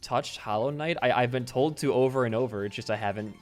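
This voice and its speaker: A nineteen-year-old man co-hosting a podcast, chatty and quick to laugh, often trailing off quietly at the ends of sentences. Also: mid-range voice, soft background music. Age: teens. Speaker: podcast co-host. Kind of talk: casual podcast chat.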